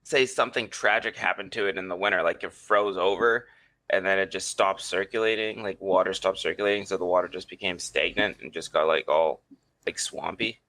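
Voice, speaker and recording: A man's voice: deep voice, brisk, bright, forceful tone. A young man co-hosting a casual podcast, arguing in a rambling way full of fillers over a voice-call mic. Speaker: podcast co-host. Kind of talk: casual chat. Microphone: computer mic over a voice call.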